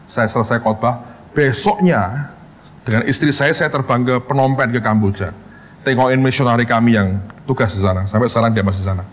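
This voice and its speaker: Animated pastor telling a story. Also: male voice, fairly quick, muffled recording. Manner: animated storyteller, acting out quoted dialogue with sudden pitch jumps. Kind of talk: sermon storytelling. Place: church hall.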